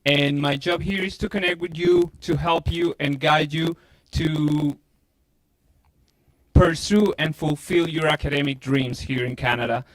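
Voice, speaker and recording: A man's voice: fairly high pitch, very animated, a little slow, rough recording. Friendly man from Ecuador. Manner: friendly, enthusiastic. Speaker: recruitment manager.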